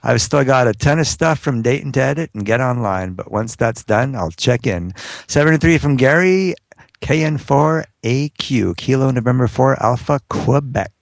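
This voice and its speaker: Gravelly-voiced podcast co-host man. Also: medium pitch, moderate pace, dry recording. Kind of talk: casual chat, reading listener email.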